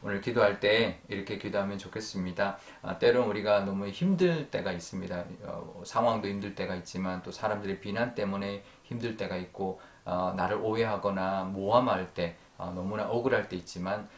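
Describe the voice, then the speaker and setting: A male pastor giving an earnest early-morning sermon. He fills his pauses with drawn-out sounds and lets sentence ends fade softly. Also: lowish voice, echoey room. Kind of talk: dawn prayer sermon. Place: church sanctuary.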